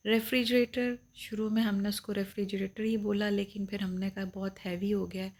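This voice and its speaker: A woman teacher, her voice carrying a gravelly edge. She lectures patiently, going over each point twice and slowing down to read English definitions aloud. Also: medium pitch, completely flat delivery, warm tone. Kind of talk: explaining lecture.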